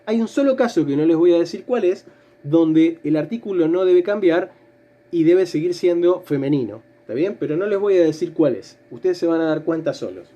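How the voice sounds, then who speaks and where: A man's voice: fairly high pitch, animated, normal speed, mellow, muffled recording. A man, a language teacher giving a recorded remote lesson, explaining patiently step by step with fillers.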